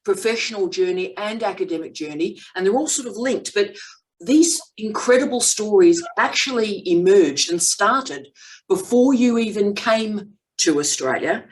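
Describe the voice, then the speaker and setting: A woman's voice: medium pitch, far from the mic, rough recording. A middle-aged woman hosting an interview, effusive and emphatic, stretching out words for effect. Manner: effusive, emphatic, drawn-out phrases. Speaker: interviewer, university dean. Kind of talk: enthusiastic interview host.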